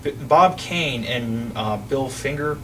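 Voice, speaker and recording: A man chats casually about films, wandering through his points and restarting sentences as he goes. His voice sits mid-pitch. He sounds a bit distant from the microphone, with a faint hum of ambience behind him. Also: animated, slow. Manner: rambling, restarts sentences, chuckles. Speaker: podcast host.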